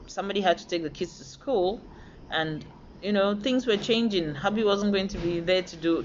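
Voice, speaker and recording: A woman from Nigeria gives a motivational talk, telling stories in a lively, animated way. The recording sounds a little dull, with a faint hiss underneath. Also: on the low side. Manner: animated, storytelling, acts out quoted voices. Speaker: motivational speaker.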